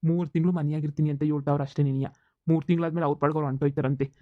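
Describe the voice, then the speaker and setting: Man voicing a pleading soft-hearted son. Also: fairly high pitch, little pitch movement, racing, no echo, narrow, tinny audio, lightly acted. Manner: pleading, placating. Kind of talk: cartoon comedy dubbing.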